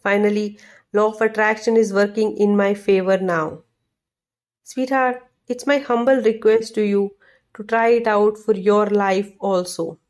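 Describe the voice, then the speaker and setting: A woman's voice: medium pitch, fairly even intonation, unhurried, darkish tone. A woman reads a scripted romantic message of sweet nothings to a sweetheart in a tender, affectionate manner.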